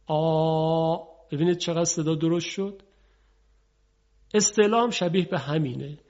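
A man teaching Quran recitation, slowly and deliberately enunciating letter sounds for his students. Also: on the high side, a little mellow. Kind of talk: scripted instructional lesson. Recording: dull lo-fi broadcast audio.

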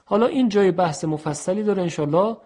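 Man, radio lesson teacher, somewhat high voice, measured and explanatory, formal delivery. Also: expressive, darkish tone. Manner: measured, explanatory, formal Persian with Arabic recitation. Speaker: radio Quran tajwid teacher.

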